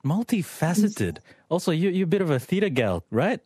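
A man hosting a radio interview, talking in a relaxed, chatty way with casual slang. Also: high voice, moderate pace, breathy edge, dry recording, clean studio sound. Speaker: radio host.

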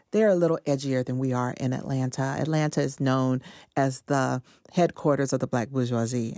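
A woman novelist with a low, mellow voice talks about her book in a reflective, earnest way. The sound is close and dry. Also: dry recording. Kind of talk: interview answers.

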